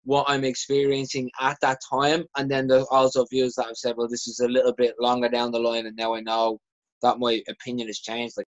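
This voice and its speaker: A man's voice: medium pitch, monotone, fairly quick, no room sound. Reflective Irish man, dry dull sound. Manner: reflective, frank, with restarts. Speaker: poet guest. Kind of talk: casual podcast chat.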